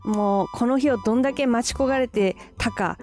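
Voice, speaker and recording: A high-pitched woman chatting casually to camera as a vlogger. She gushes and laughs easily. Clear music plays behind her. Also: darkish tone. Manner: gushing, chatty, quick to laugh. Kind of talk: casual unboxing chat. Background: background music.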